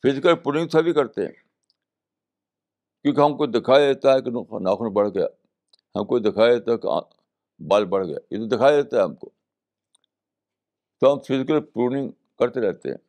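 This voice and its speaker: An older man giving a spiritual lecture in a measured way, repeating phrases for emphasis and mixing in English terms. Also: mid-range voice, a little mellow. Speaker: Islamic scholar giving a talk.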